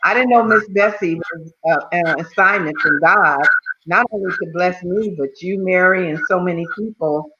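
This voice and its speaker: A woman's voice: lowish voice, moderate pace, heavy background noise. Chatty 70s lady guest rambling on, lots of you-knows, dull lo-fi sound. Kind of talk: casual talk-show interview.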